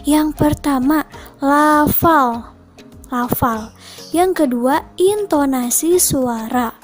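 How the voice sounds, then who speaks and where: A woman teacher giving a lesson and then reading a story aloud, speaking clearly and deliberately. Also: high voice. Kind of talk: classroom lesson and storybook narration.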